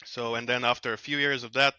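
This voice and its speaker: Speaking fast in a clean, mid-range voice with no echo, a young Slovenian man in his twenties shares stories as a wilderness-guide guest in a casual interview. With a Slovenian accent and a headset mic on a video call from a small home room, he stays relaxed, laughs a lot, and often leaves sentences unfinished.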